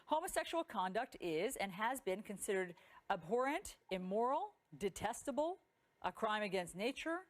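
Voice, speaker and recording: Measured female news anchor, mid-pitched. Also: sing-song. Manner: measured, polite, articulate. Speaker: television news anchor, interviewer. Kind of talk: broadcast news interview.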